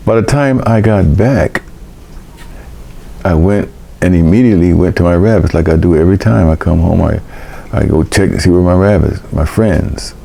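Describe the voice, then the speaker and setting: An older man hosting a vlog, telling a personal story in a halting, emotional way with many restarts. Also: deep voice, vocal fry, warm tone, a little hiss or hum. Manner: halting, repeats words and restarts; emotional recollection. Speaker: vlog host.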